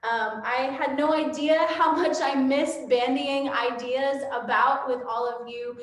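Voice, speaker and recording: A high-voiced woman speaks through a heavy cathedral echo that fills the church sanctuary. She gives announcements in a halting way, with many ums, as she leads a service streamed to people at home. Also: steady tone. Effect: cathedral echo from a large church hall. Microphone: room microphone for a livestream. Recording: heavy echoey church room.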